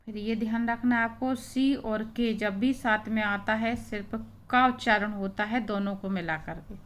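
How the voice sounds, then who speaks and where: A woman teaching a slow English phonics lesson, spelling words letter by letter and stressing the right pronunciation. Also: medium pitch, steady tone. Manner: spells out words letter by letter, then pronounces them; patient, stresses the correct pronunciation.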